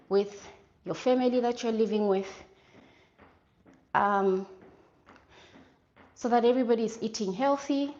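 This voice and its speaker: A woman's voice: medium pitch, dark tone, lo-fi sound. A woman leading a workout as a fitness instructor, giving encouraging coaching and instructions. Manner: encouraging, urging with clipped repeated commands during exercise. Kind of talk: workout coaching, instructions and short motivational cues.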